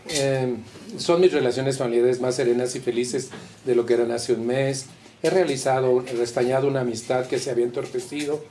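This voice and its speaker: A man's voice: medium pitch, fairly even intonation, a little fast, dark tone, a little hiss or hum. Candid Mexican man at a support meeting. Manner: candid, colloquial, addresses listeners directly. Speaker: Al-Anon group speaker. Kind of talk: personal talk to a support group.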